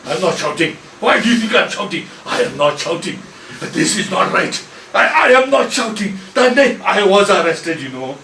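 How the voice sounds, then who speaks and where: A man playing a panicky, famous male news reporter who shouts and repeats himself in a frantic rush. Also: fairly high pitch, expressive, a little slow, gravelly, slight background noise, heavily acted. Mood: flustered. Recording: roomy, distant mic, faint ambience.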